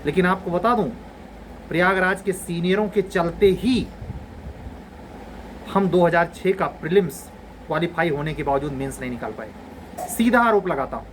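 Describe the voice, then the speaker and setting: A man's voice: a little high, a little hiss or hum, low-quality recording. A man in his forties, an exam coaching teacher, giving students a blunt, exasperated scolding lecture.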